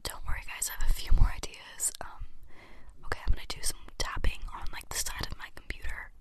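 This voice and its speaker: A young woman hosting a podcast, whispering close to the mic in a casual, self-deprecating gossip style with lots of filler words. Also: brisk. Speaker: podcast host. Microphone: close studio mic, tapped at times.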